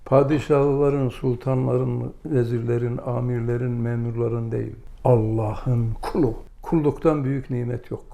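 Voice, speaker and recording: Older male lecturer: very gravelly, mellow timbre, storyteller who acts out the dialogue. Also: mid-range voice, fairly even intonation, a little slow, hardly any pauses. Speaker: religious lecturer. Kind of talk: religious lesson with anecdotes.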